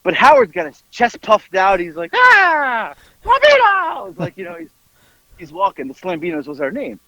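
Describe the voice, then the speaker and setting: A man telling a story on a podcast, acting out the people in it with sudden high yelps. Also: animated, fairly quick, sharp tone, dry recording. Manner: acts out quoted voices with big jumps up into yelps. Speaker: podcast host telling stories. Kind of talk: animated storytelling. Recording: dull lo-fi dry sound.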